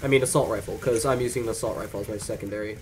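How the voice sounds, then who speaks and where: A man's voice: lowish voice, steady tone, very fast, slight background noise. A man hosting a co-op gaming session, giving his teammates orders in casual banter. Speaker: gaming channel host.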